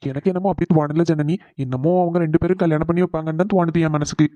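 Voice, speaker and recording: A firm, reassuring young cartoon husband, as a woman voices him, in a low, mellow voice that rushes along. The recording is dry and close. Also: steady tone, dry recording, lo-fi sound, close to an everyday voice. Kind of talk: cartoon voice acting.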